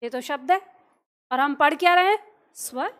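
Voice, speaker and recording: A woman with a high voice teaches grammar in a video lesson. She keeps putting rhetorical questions to the viewer and stretches out vowel sounds to show how they are said. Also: normal speed, a bit bright. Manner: draws out vowel sounds to demonstrate them.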